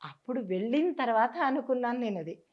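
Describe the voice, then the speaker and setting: Woman telling her own story, earnest, kinda halting, slightly high voice, muffled lo-fi sound. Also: animated. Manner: earnest, halting, with restarts and repeats. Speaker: guest. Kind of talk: personal storytelling in conversation. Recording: dull lo-fi sound.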